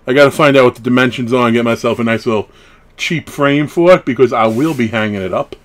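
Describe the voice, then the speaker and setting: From a small wood-panelled room in his home, a man in his thirties rambles quickly through a casual unboxing of horror collectibles, cutting himself off with asides. His voice is of medium pitch.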